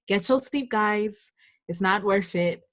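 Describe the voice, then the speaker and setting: A woman's voice: mid-range voice, takes it slowly. A young woman co-hosting a casual podcast, chatty and rambling as she wraps up the episode. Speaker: podcast co-host. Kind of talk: casual podcast sign-off chat.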